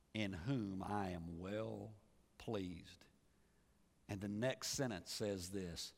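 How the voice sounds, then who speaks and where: A pastor preaching a sermon, swinging from loud rising calls to low, quiet endings. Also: male voice. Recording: church sermon with long reverb.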